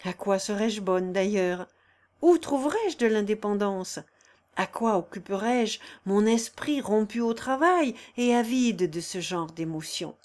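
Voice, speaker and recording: A woman's voice: mid-range voice, lively intonation, unhurried, darkish tone, natural voice. A woman reading the part of a proud young singer who speaks earnestly and with passion in a storybook. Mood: impassioned.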